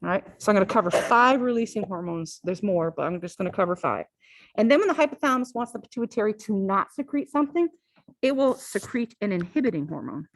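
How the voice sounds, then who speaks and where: A woman's voice: mid-range voice, lively intonation, fast talker, no echo, low-quality recording. Dry-sounding woman lecturing casually. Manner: conversational and repetitive, with frequent "all right?" check-ins. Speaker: physiology lecturer. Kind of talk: classroom lecture.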